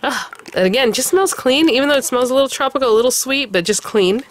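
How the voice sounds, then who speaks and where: This woman talks fast in a high, expressive voice against slight background noise. A vlogger from California, she eagerly rambles about her shopping haul at a craft table, laughing and using fillers in casual show-and-tell.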